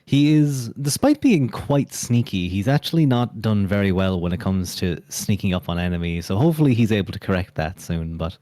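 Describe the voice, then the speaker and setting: A man's voice: fairly low pitch, lively intonation, a little fast, few pauses, dark tone, dry recording. A man introducing his tabletop character in casual chat, friendly and easygoing. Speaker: player.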